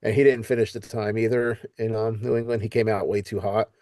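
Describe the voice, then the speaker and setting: A man's voice: lowish voice, little pitch movement, a little fast, darkish tone. A middle-aged man chatting casually about coaching his son, rambling and laughing often. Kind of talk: casual conversation.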